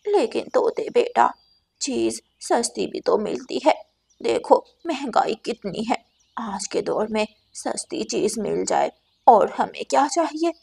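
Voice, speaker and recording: A grumpy old grandmother sparrow, voiced by a woman in a cartoon, a thrifty, stubborn mother-in-law. She talks in a quieter, lower tone than the others and grumbles. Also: big pitch swings, takes it slowly, creaky, husky, heavily acted. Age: older.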